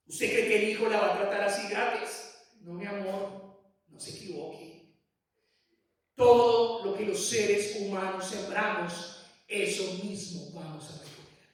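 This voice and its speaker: A man preaching a sermon to his congregation as pastor, emphatic and addressing listeners directly. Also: high-pitched. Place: church. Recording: echoey church from far off.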